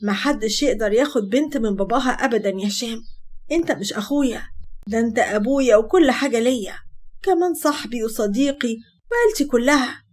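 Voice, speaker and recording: A woman's voice: a little high, animated, fast talker, a little mellow. A woman voicing a bashful young student girl. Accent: Egyptian Arabic. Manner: bashful, gushing. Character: shy excited young woman, college student.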